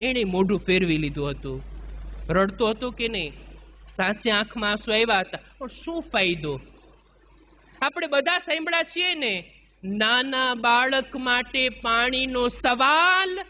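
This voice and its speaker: Slow high-pitched preacher, bright tone. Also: male voice, big pitch swings, lo-fi sound, a little hiss or hum. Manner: slow, chanting delivery with sung verses. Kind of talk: majlis sermon.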